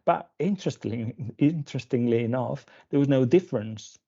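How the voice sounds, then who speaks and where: A pediatrician from Spain giving a webinar lecture, talking through slides with many fillers and restarts. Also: male voice, mid-range voice, a little fast, warm tone. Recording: dull lo-fi webinar audio.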